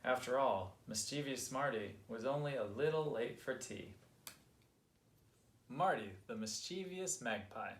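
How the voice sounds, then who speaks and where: A man reading a picture book aloud for children in an expressive, lively way. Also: mid-range voice, a little slow. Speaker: storybook reader. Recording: roomy echo.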